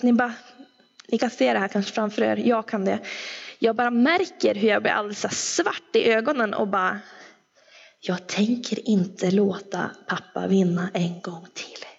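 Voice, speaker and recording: A woman with a fairly high, gravelly voice gives an anecdotal sermon in a chatty, filler-heavy way. The sound is dull and carries a long echo of a church hall. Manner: chatty storytelling with frequent fillers. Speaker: preacher.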